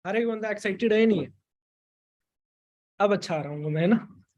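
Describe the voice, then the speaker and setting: A young man with a noticeably high voice speaks to a live audience at a business training session. He tells his story in a loose, colloquial way, full of back-and-forth retelling. He keeps checking in with his listeners through quick tag questions. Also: darkish tone, dull audio.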